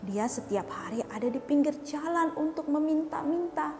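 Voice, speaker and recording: A woman teaching Sunday school, telling a Bible story to children in a lively way and asking them questions. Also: high voice, moderate pace. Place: church hall. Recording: echoey church hall, faint music.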